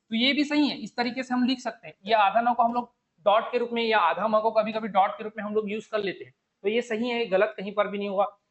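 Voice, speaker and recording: High-voiced teacher, explains step by step. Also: male voice, fairly bright tone, highs cut off. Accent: Chhattisgarhi Hindi. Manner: explains step by step, repeats the question and the answer over and over. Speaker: exam coaching teacher. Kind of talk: online spelling lesson.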